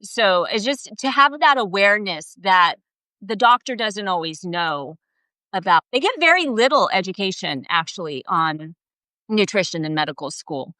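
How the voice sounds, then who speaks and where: A woman's voice: mid-range voice, expressive, moderate pace, bright, forceful tone, dry recording. Earnest woman telling a story on a video call. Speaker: host. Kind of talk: casual live video chat.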